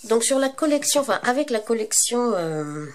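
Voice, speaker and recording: Fairly high-pitched and very animated, this woman speaks at a moderate pace with a French accent, hosting a crafting tutorial despite a cold that leaves her congested. She talks casually and haltingly, piling on fillers and correcting herself, and a faint hiss or hum runs under the audio.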